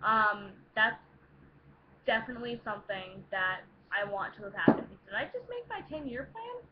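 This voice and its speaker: A young adult woman chats to viewers while answering their questions, tipsy, rowdy, playful and rambling, with a highish, lively voice at normal speed. The home recording is dull and lo-fi with faint noise.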